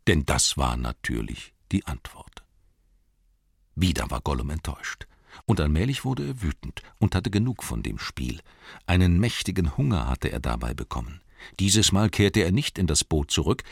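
A man narrating an audiobook in a measured storytelling manner. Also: sits low, creaky, breathy edge, no room sound, clean studio sound.

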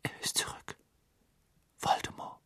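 A man's voice: a little slow, sharp tone, dry recording, clean studio sound. A man voicing a dazed, shaken teenage boy wizard, who speaks in weak, breathless whispers.

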